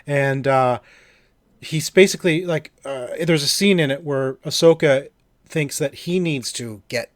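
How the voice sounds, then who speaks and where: An eager male podcast co-host talks in loose, rambling bursts, full of fillers and restarts. His voice sits a little high. The sound is dry and close, with no room around it. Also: measured pace, dry recording. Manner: enthusiastic, rambling with many fillers. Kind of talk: casual chat.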